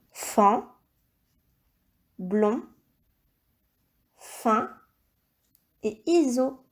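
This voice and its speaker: A woman teacher recording a video lesson for young children, dictating words slowly and clearly and encouraging the child. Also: fairly high pitch, dark tone. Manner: slow, clear dictation with stretched syllables; encouraging, addresses the child directly. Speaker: primary school teacher.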